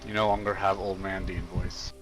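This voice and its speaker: A man with a fairly low voice narrates as game master. He describes scenes loosely with many fillers. Light music runs underneath. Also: level tone, normal speed, rough recording.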